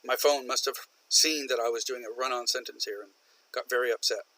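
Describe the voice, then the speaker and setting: A man's voice: mid-range voice, fairly even intonation, fairly quick, bright, forceful tone, no echo, rough recording. A man lecturing a university business English class, patiently repeating and stressing example sentences. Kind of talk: recorded online lecture.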